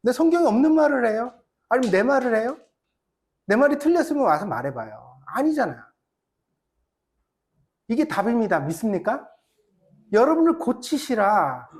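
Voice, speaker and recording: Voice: medium pitch, big pitch swings, moderate pace, pauses often, darkish tone. A pastor preaching a sermon with passionate exhortation, rhetorical questions and wry self-deprecating asides in a church.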